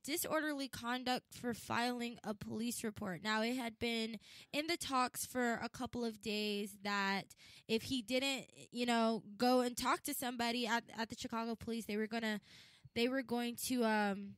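A chatty woman hosts a talk show with a slightly high voice. She laughs easily and now and then restarts a phrase. The sound is dry and close. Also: steady tone, moderate pace, a bit bright, no room sound. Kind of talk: casual chat.

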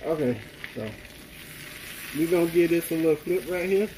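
A man's voice: a little high, normal speed, noisy background. A man with a Southern US accent hosting a home cooking vlog, talking casually to viewers while he cooks at the stove. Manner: relaxed, talks straight to viewers.

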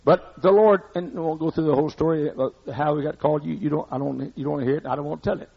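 High-voiced older pastor preaching bluntly. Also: male voice, steady tone, fast talker, gravelly, slightly rough. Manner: blunt, scolding, conversational preaching with asides. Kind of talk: sermon. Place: church sanctuary. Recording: muffled lo-fi archive recording.

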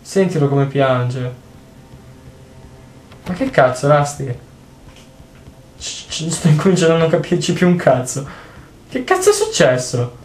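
A man giving casual let's play commentary, excitable and swearing constantly as he yelps at the game. His voice sits fairly high. The recording is roomy, with a faint hiss underneath. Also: a little slow, long pauses. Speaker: gameplay commentator.

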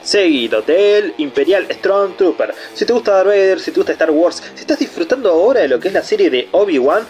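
A man's voice: high-pitched, big pitch swings, fairly quick, few pauses, a little mellow, soft background music. A chatty, enthusiastic man with an Argentine Rioplatense accent, rambling through casual unboxing commentary as the channel host. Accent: Argentine Rioplatense Spanish.

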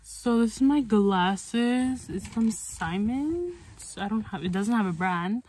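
A young woman with a Filipino accent chats into her phone at arm's length, giggly and relaxed. Her voice sits a little high and she takes her time, with a faint hiss behind her. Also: slow. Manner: chatty, giggly, mixes Tagalog and English. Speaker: vlogger. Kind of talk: casual vlog chat. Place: bedroom, then car and outdoors by a lake. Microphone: phone held at arm's length.

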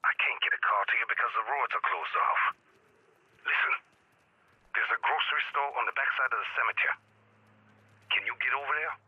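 An actor playing a steady man who gives escape directions over a phone line in a video game. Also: medium pitch, a little fast, pauses often, slightly rough, no echo. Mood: calm, urgent.

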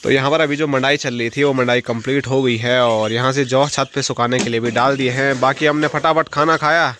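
A man's voice: medium pitch, steady tone, brisk, music in the background. A young man from the hills chatting as a vlogger in a village, teasing and laughing often. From Uttarakhand hills, India. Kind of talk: casual vlog narration. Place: outdoors in a hill village. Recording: outdoor noise. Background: outdoor noise with birds and animals.

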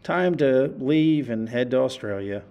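A man's voice: medium pitch, expressive, a little slow, muffled recording. A man narrating his travel vlog casually, with a wry, dry sense of humor. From Indiana, USA. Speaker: travel vlogger. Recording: roomy, distant mic with faint noise.

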